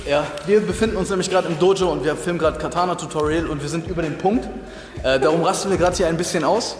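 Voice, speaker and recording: A man's voice: a little high, quick pace. A man hosting a martial arts video in a dojo, chatting jokingly to the camera with boisterous mock instruction. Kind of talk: joking tutorial chat to camera. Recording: very echoey hall, music behind.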